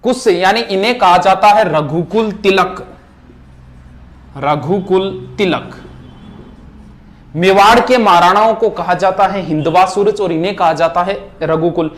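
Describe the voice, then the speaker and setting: A man teaching a history revision lesson at a board, reciting names and facts in quick lists. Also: high-pitched. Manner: rapid, list-like recitation. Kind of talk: fast exam revision lecture at a board. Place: classroom with board.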